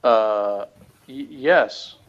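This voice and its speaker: A man reviewing on a podcast chats casually, explaining things in a halting, rambling way and frequently correcting himself. His pitch is medium and the audio sounds dull.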